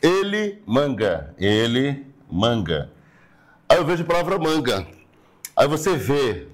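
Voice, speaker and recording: Brazilian man teaching grammar class. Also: fairly low pitch. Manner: explanatory, repeats words and checks in with "tá?". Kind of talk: recorded online class lecture.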